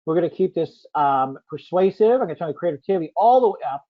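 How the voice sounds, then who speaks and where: A man's voice: fairly high pitch, expressive, fast. A man leading a live webinar product demo in a chatty way, often tagging his points with "right?" and answering viewers by name. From United States. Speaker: software demo presenter. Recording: muffled lo-fi audio.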